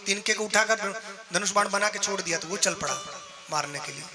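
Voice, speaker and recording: A man's voice: high-pitched, fairly quick, a crowd in the background. A man telling a devotional story as a sermon, narrating dramatically and acting out the voices of the characters. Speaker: religious storyteller. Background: devotional music.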